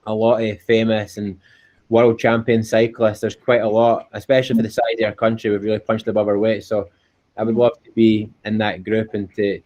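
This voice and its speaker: A man's voice: lowish voice, flat delivery, a little fast, darkish tone. A man with a Scottish accent chatting informally and earnestly as an interview guest, often repeating himself. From Scotland. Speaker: interview guest, endurance cyclist. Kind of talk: casual interview chat. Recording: dull, lo-fi call audio.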